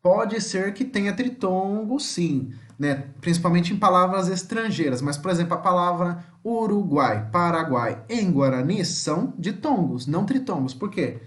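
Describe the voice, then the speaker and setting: A man with a Brazilian Portuguese accent teaches a language lesson online, explaining patiently and checking in with the listener often. His voice sits high with lively intonation, and he slowly spells words out syllable by syllable.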